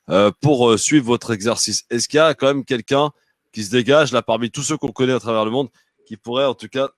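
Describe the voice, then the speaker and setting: A man co-hosting a live interview, asking long, measured questions. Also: mid-range voice, no room sound, studio quality. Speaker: co-host.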